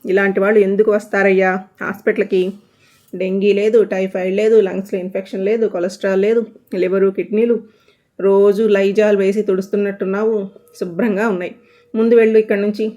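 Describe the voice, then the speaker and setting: Woman doing a grumpy doctor guy, snappy and sarcastic, loud, storybook style. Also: mid-range voice, fairly even intonation, quick pace, hardly any pauses, dull audio, lightly acted. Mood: scolding. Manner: brusque, scolding, sarcastic. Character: impatient scornful male hospital doctor.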